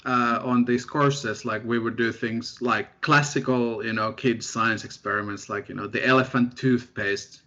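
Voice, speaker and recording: A young man talks through his path into research in a loose, self-deprecating way. His pitch sits mid-range for a man. The audio is muffled and lo-fi. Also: unhurried, few pauses. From Finland. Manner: relaxed, self-deprecating storytelling. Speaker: guest scientist, postdoctoral researcher. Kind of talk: casual interview chat. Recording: dull lo-fi audio.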